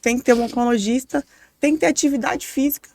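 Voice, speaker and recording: A Brazilian woman hosting a podcast, asking gentle questions and sharing her own story as a mother. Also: high voice, fast. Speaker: podcast host, mother and cancer survivor. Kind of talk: conversational interview.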